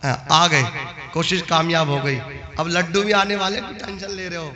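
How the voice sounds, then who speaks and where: A man preaching a sermon in a melodic, chanting delivery that climbs into shouts, calling out to his listeners for responses. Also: fairly high pitch, steady tone, dull audio, crowd noise. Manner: calls out to the audience for responses. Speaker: Islamic preacher.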